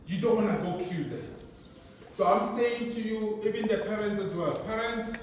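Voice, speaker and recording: A man's voice: high-pitched, moderate pace, a little hiss or hum. A man giving a motivational speech to young players at an awards event, repeating phrases for emphasis. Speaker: speaker at a sports awards ceremony. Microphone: far from the mic. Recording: echoey hall, from far off.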